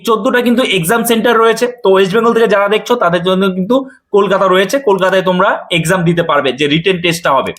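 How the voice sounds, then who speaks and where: A man's voice: high-pitched, a bit bright. A man explains a job notice to viewers as a coaching teacher, checking in often to make sure they follow. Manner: quick, addressing viewers directly with frequent check-ins.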